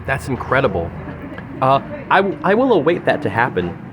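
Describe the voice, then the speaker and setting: A young man with a medium, sing-song voice and moderate pace hosts a comic news segment on a podcast, playing a mock news anchor with facetious, mock-formal delivery. He's in a sushi restaurant, and busy diners chatter in the background.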